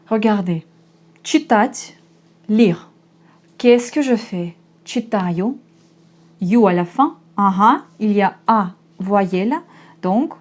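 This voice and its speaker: A woman's voice: medium pitch, a little mellow. A young woman from Russia, patiently teaching a language lesson and repeating each example. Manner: slow, patient explaining with repetitions.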